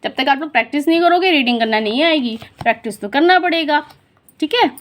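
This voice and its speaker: A woman teaching children to read, slowly and patiently, repeating sounds and asking questions. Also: sits high, expressive, a bit bright. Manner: slow, patient, repeats and quizzes the listener. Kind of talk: phonics lesson for children.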